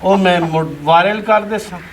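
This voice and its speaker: A man's voice: high voice, fairly even intonation, moderate pace. A man acting as a pushy suitor in a village web drama, wheedling and then threatening.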